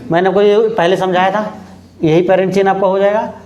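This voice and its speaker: Male chemistry teacher, high voice, lectures in an echoey classroom, asks and answers his own questions. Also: flat delivery, darkish tone. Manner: asks questions and answers them himself, repeats key terms; slows down while writing on the board. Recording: echoey room.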